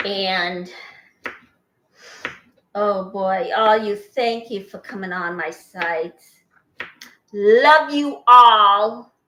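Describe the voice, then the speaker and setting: Slow-talking bright-voiced older woman cooking. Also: mid-range voice, reverberant, slight background noise. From born in Boston, Armenian family. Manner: rambling, chatty, laughs often. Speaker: cooking channel host. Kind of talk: casual cooking vlog chat.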